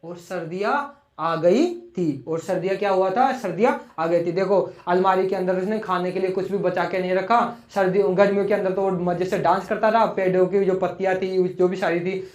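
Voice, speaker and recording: A man's voice: high voice, fairly even intonation, a little mellow, roomy sound, dull audio. A man teaching a poem line by line, repeating each phrase and spelling out words as he explains. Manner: repeats and spells out words, slow for English lines.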